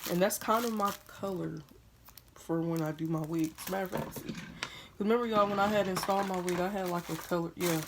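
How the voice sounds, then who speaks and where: A young woman chats casually with her viewers, calling them "y'all" as she unboxes at home. Her voice sits fairly low. A faint hiss runs under the camera mic. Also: fairly even intonation, fairly quick. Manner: chatty, addresses viewers as "y'all", chewing gum. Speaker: beauty vlogger.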